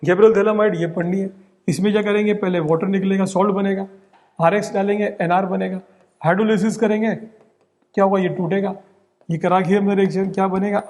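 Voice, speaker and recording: A young man with a high voice, runs through exam-prep chemistry rapidly and keeps checking in with his students. His voice carries a long reverb, as if lecturing in a large hall. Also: darkish tone. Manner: rapid, drilling, repeats "ठीक" and "बहुत simple". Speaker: chemistry teacher.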